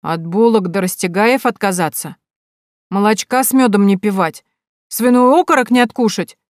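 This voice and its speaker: A woman's voice: medium pitch, moderate pace, no echo, clean studio sound, voice pushed up, lightly acted. A woman reading aloud, voicing a big, stubborn young peasant woman who wails and snaps in old-fashioned folksy speech. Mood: suspicious.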